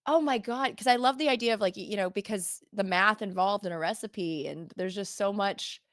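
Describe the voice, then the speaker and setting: A woman's voice: mid-range voice, brisk, no echo, studio quality. Bubbly effusive woman podcast host. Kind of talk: casual interview chat.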